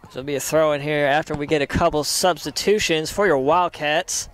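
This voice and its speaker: Smooth-voiced male soccer commentator. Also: fairly high pitch, a little fast. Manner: steady play-by-play, rising sharply on chances. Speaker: play-by-play commentator.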